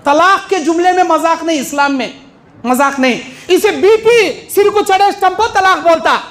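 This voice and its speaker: A man's voice: very high voice, moderate pace, fairly bright tone. A man giving a mosque sermon, emphatic and repetitive, acting out quoted sinners. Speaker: preacher.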